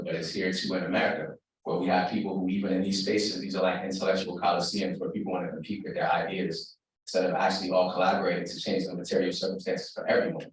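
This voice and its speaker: A man's voice: deep voice, a little hiss or hum. A man from the audience asking a long, earnest question at an open forum, with many fillers. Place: university lecture hall. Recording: echoey hall, speaker far from mic.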